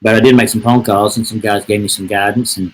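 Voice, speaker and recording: Man, middle-aged, lowish voice, husky, folksy rambling storyteller. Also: flat delivery, quick pace, poor audio. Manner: folksy, rambling, with many "and, uh" restarts. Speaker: real estate agent, podcast guest. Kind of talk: casual storytelling.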